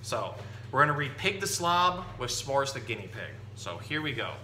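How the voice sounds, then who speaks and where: Background noise, hum, and roomy echo surround a zookeeper who presents animals to children in a casual lesson and reads a picture book aloud. His voice is medium in pitch with big swings, delivered at normal speed.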